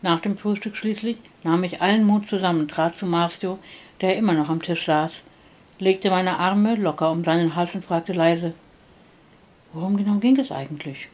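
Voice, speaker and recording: A woman narrating a first-person story in a soft, calm reading voice. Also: on the low side, normal speed, highs cut off. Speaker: audiobook narrator.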